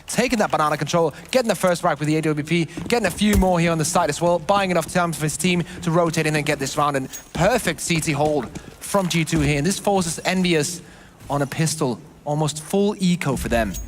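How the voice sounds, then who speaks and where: A man's voice: on the high side, slight background noise. A man working as an esports caster, giving live match commentary and recapping each round.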